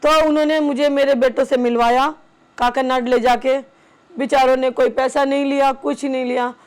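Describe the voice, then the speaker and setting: A middle-aged woman speaking haltingly, with many pauses, about her family as a mother. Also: high-pitched, flat delivery, smooth. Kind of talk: emotional personal testimony.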